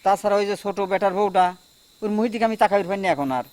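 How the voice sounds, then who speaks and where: A man's voice: high-pitched, steady tone, fast, a little mellow, lightly acted. An actor playing a stern older village father who lectures his son. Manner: firm, lecturing.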